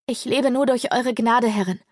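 A woman's voice: fairly high pitch, moderate pace, dry recording, clean studio sound, voice pushed up, natural voice. A woman voicing a timid, tearful young servant girl. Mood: pleading. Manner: humble, pleading.

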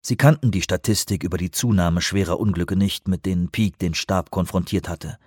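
A man reading a novel aloud as an audiobook narrator, in measured storytelling. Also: deep voice, darkish tone, dry recording, studio quality. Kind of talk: scripted narration.

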